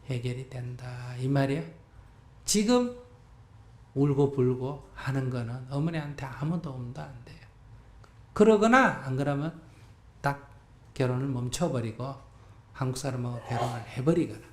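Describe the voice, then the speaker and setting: A man, a Buddhist monk, giving blunt advice at a live question-and-answer talk, acting out the lines people should say. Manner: blunt, animated, acts out dialogue with rising pitch. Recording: echoey hall.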